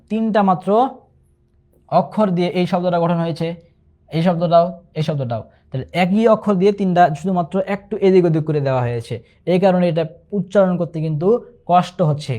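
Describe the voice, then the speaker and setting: A male instructor giving an online exam-prep lesson, patiently explaining and repeating key terms, asking himself questions and slowing down to recite example sentences. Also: on the high side, dark tone. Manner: slows to recite Arabic examples.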